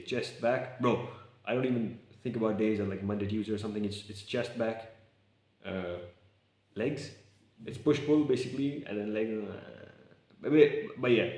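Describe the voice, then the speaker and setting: A young man vlogging in casual, excitable talk to camera, slangy and swearing. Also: on the low side. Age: young adult. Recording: echoey room.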